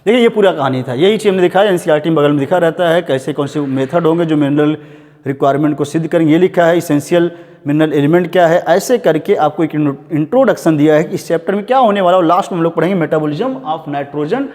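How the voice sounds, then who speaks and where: Long reverb surrounds this high-voiced male biology teacher, whose tone is darkish. Speaking Hinglish for exam prep, he calls students "beta," keeps saying "dhyan denge," and reads the textbook slowly before explaining at speed.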